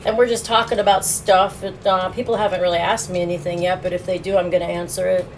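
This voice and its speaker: A woman's voice: fairly low pitch, level tone, quick pace, rough recording. Woman chatting to her stream while she eats, laughs a lot, faint noise in the background. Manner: chatty, laughs often, talks while eating. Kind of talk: casual live-stream food review. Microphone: phone.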